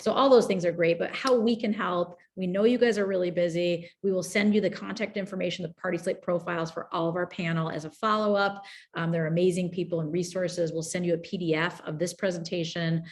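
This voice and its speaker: Woman running a webinar, lower voice, chatty and upbeat, lots of ums, video call sound. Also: fairly even intonation, brisk. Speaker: webinar host. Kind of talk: moderating a panel webinar.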